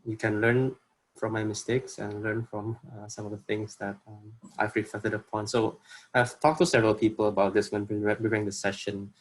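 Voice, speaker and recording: A young Indonesian man with an Indonesian accent gives an informal workshop talk over a video call, his phrasing earnest and hesitant. His voice is fairly low with a flat delivery at a moderate pace, and the audio is poor.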